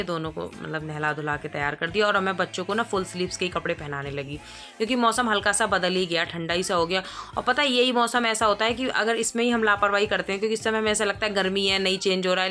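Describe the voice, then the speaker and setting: A woman in her thirties chats through a voice-over for her daily home vlog. She rambles easily, restarting sentences and filling pauses as she goes, at an ordinary mid pitch. Soft music plays faintly beneath her. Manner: chatty, rambling, many fillers and restarts. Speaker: vlogger. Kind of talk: casual voice-over narration.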